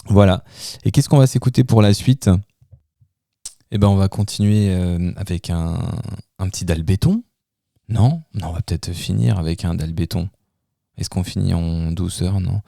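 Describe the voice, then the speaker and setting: A man's voice: low-pitched, normal speed, gravelly, mellow, no room sound, clean studio sound. A man hosting a radio music show, chatting casually about songs and hesitating often with fillers and restarts. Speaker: radio host presenting music. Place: radio studio.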